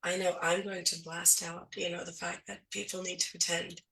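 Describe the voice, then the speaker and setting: Low, gravelly woman losing her voice. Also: level tone, normal speed, pushed and bright, far from the mic, poor audio. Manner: thoughtful, explanatory, many fillers. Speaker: school board candidate. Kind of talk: casual discussion.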